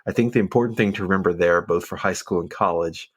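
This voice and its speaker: Male podcast co-host, very low husky voice, dry sound, walks through rules steadily with lots of ums. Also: fast talker, fairly bright tone, dry recording. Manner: explains rules methodically with many fillers. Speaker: podcast co-host, football official. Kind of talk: casual rules discussion.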